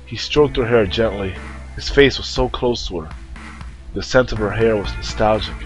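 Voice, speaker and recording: A man's voice: on the low side, moderate pace, dull audio, music in the background. A young man playing through a video game, reading its text aloud with crude joking asides. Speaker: let's player.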